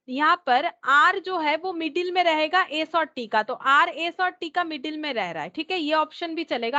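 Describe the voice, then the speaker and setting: A woman's voice: sits high, bright, forceful tone, highs cut off. A woman teacher working through a test question step by step, thinking aloud and repeating each point, with English terms mixed into her talk. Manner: mixes English terms into Hindi. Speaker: reasoning teacher.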